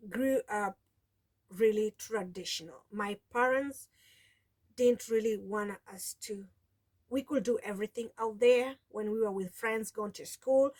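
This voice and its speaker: A Kenyan woman in her forties, a Taita speaker from the coast whose first language is Taita, tells her story to camera in a casual vlog. She rambles, restarting often and saying "you know". Her voice is fairly high-pitched with a darkish tone.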